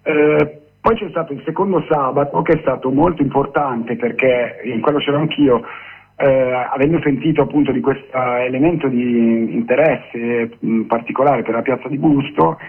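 A man speaking on speakerphone over a phone line as a guest activist in a radio interview, halting with many pauses and fillers. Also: medium pitch, slightly rough.

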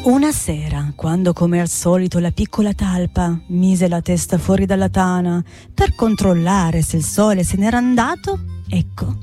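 A woman who reads a picture book aloud for children and explains things gently. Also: fairly low pitch, lively intonation, normal speed, hardly any pauses. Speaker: storyteller for children. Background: soft blues guitar.

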